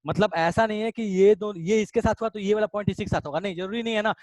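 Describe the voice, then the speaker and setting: In a relaxed online chemistry class, a man explains reactions and chats with his students, addressing them as beta and reading their chat comments aloud. He talks fast in a high-pitched, slightly mellow voice, and the recording is dry.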